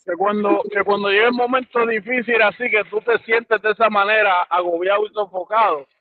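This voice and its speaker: A man's voice: sits high, steady tone, brisk, phone-quality sound. A man sharing a testimony in a Bible study, colloquial and vivid, praying aloud. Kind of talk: testimony and prayer.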